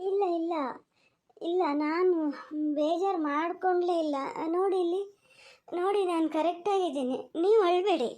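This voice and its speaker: A meek young daughter-in-law, played by a woman in a cartoon, with a Malnad Kannada accent. Her voice sits high, and she pleads gently and keeps reassuring. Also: normal speed. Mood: pleading. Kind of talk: cartoon voice acting.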